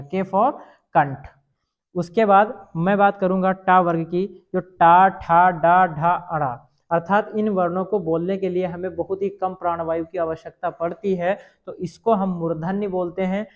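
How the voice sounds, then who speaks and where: A high-pitched male teacher runs an exam-prep grammar lesson, sounding out letters one by one. He keeps asking the listener questions, then answering them himself. The recording is dull and lo-fi. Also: measured pace. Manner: repeats sounds aloud and quizzes the listener.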